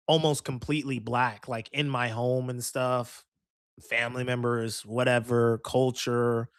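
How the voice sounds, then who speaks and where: A man's voice: mid-range voice, a bit bright, no room sound, studio quality. A man hosting a livestream, chatting casually, joking and reading chat comments aloud. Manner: joking, laughs often, reads chat aloud. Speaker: streamer host.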